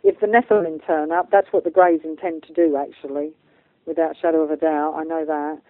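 On a narrow, phone-like line with a dry sound and no room noise, a woman guesting on a spiritual interview as a medium and channeller talks casually and colloquially. She comes across as earnest and emphatic, her low voice holding a steady tone at a fairly quick pace.

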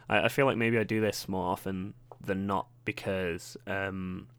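A young British man with a posh accent chats alone into a close microphone, hosting his own podcast. His voice sits fairly low, and he rambles along with many fillers and self-deprecating asides. The sound is dry, with almost no room around it. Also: steady tone, a little slow, fairly bright tone, clean tone, no room sound. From Britain. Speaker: podcast host. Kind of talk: casual solo podcast chat.

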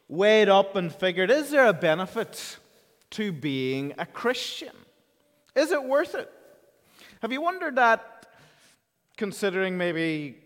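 A man with a Donegal accent, a pastor preaching an informal, conversational sermon in an echoey church hall. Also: sits high. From County Donegal, Ireland. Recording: echoey hall with long reverb.

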